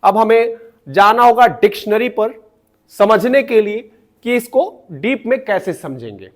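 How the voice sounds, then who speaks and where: Man, high-pitched, pronunciation teacher, patient, slow spelled-out words. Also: animated. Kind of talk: classroom-style explanation.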